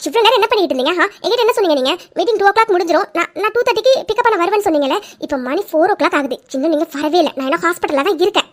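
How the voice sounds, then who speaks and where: A woman voicing a short-tempered, jealous young wife in a cartoon, scolding in a rapid barrage. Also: very high voice, expressive. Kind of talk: cartoon dubbing.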